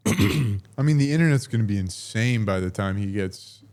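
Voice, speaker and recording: A man's voice: lowish voice, expressive, unhurried, darkish tone. A man co-hosting a podcast, chatting in a dry, laid-back way. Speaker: podcast co-host. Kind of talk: casual podcast chat.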